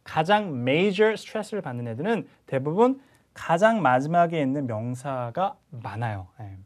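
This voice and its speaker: A male English instructor lectures on stress and rhythm in a chatty, checking-in manner. His voice sits somewhat high and swings widely as he demonstrates sentences. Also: lively intonation, normal speed. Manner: chatty teacher, frequent "자" and "그죠?" check-ins, sometimes exaggerated demo reading. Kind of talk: video lecture.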